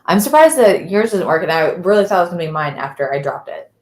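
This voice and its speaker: Low-pitched and animated, this woman is a quick talker. As a co-host on a live podcast, she chats in a relaxed live-stream style, rambling as she searches for the right words, and the audio has a roomy echo.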